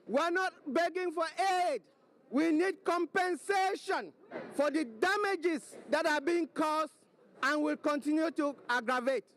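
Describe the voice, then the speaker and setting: A man's voice: very high-pitched, measured pace, a bit bright. A man giving an emphatic, rhetorical protest speech into a handheld mic in a crowded conference hall. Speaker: protest speaker.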